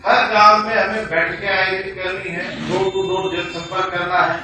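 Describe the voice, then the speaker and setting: A man giving a political speech in a slow, emphatic manner with long pauses. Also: sits high, little pitch movement, very echoey, distant mic, music in the background, poor audio. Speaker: party organiser. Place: meeting hall.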